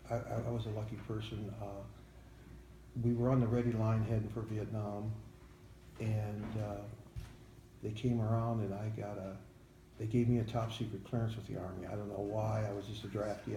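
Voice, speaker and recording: In an echoey room with faint noise, an elderly American man speaks in a dark, relaxed voice. He is an old veteran remembering his service, halting and plain-spoken as he answers an interviewer. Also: on the low side. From United States. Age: 70s or older. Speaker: Vietnam-era army veteran being interviewed. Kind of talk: veteran interview, recalling memories.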